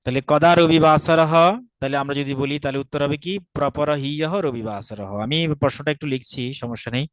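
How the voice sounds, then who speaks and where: A man's voice: a little high, no room sound. Patient Bengali-accented man teaching Sanskrit. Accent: Bangladeshi Bengali. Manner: patient, repeats each word slowly for pronunciation. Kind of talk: online language lesson.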